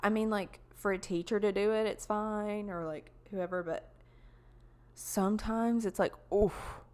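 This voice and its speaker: A woman's voice: medium pitch, steady tone, unhurried, a little mellow, clean tone. A young woman, hosting a casual solo podcast in a rambling, chatty way full of fillers. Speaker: podcast host.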